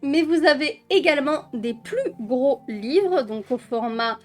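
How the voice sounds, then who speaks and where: A woman's voice: high-pitched, animated, a little slow, soft background music. A French woman casually presenting coloring books in a chatty vlog, with many fillers and fond little words. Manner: chatty, with frequent fillers and diminutives. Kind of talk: casual flip-through vlog.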